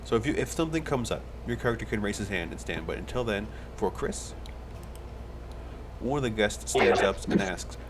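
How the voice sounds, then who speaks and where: A man's voice: fairly low pitch, animated, moderate pace, heavy background noise. A man running a tabletop game as game master, explaining rules and describing scenes at length.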